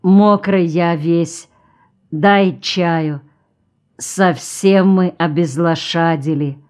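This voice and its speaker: A woman's voice: fairly low pitch, steady tone, extremely slow, a little mellow. Woman reading as a weary plain-spoken horseman. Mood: exhausted. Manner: blunt, tired, plain country speech.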